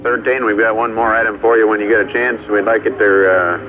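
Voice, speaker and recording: Calm male controller over crackly space radio. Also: fairly low pitch, a little fast, faint music behind. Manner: clipped, procedural, calm. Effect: crackly space radio transmission. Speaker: flight controller. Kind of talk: terse mission radio talk. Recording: muffled archival radio loop.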